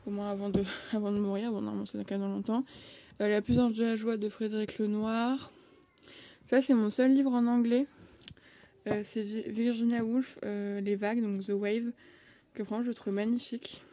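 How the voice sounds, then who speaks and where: A young vlogger walks through her bookshelf at home in a casual phone chat, with lots of hesitation fillers. Her warm voice is medium in pitch and flat in delivery, at a moderate pace.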